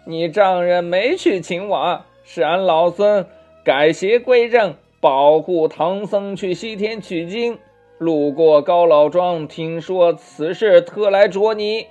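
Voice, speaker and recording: A bold monkey king, put on by a male storyteller, barks orders in a high, declaiming voice. Faint music runs behind the storybook reading. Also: slow pace, highs cut off. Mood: stern. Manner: loud, scolding, declaiming.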